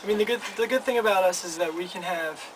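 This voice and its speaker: A man's voice: high voice, quick pace. Rambling young man, noisy distant mic. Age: 20s. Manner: rambling, stammering restarts. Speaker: band front man. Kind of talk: casual interview chat.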